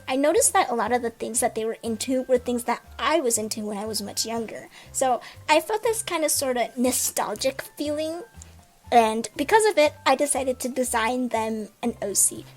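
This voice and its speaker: A woman's voice: a little high, expressive, normal speed. A woman artist vlogger talking casually and enthusiastically straight to her viewers. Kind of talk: casual vlog chat and voice-over narration.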